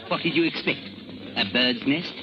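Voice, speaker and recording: A man's voice: on the high side, measured pace, natural voice. An actor playing a wry, crafty king of France in disguise, with theatrical delivery in 1930s radio drama style. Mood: wry, testy. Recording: muffled 1930s radio broadcast with music.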